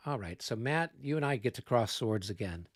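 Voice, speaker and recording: A man's voice: mid-range voice, expressive, a little fast, no room sound, clean studio sound. A man hosting a livestream of a tabletop wargame, chatting casually and laughing often. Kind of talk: casual chat.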